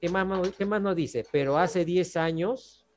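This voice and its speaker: A man's voice: sits high, unhurried. Patient man teaching math on a call. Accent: Peruvian Spanish. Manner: patient, checks in often with "¿no?" and "¿está bien?". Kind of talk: online class explanation.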